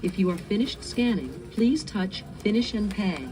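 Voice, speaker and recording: A woman's voice: mid-range voice, lively intonation, moderate pace, noisy background. Female self-checkout kiosk voice. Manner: polite recorded prompts. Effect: self-checkout kiosk speaker. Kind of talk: automated supermarket checkout announcement.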